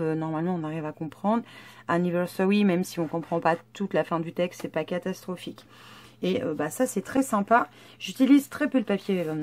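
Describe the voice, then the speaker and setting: A chatty woman talks through a craft haul in a relaxed, hesitant way, full of little fillers and restarts. Her voice sits at an ordinary middle pitch for a woman. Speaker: scrapbooking vlogger. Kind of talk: casual haul show-and-tell.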